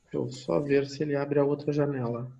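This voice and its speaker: In a fairly high, mellow voice with vocal fry, the Brazilian lecturer speaks a little fast and flatly while teaching remotely with screen sharing. He walks through the material step by step, thinking aloud and often checking in with listeners, through a dull lo-fi mic.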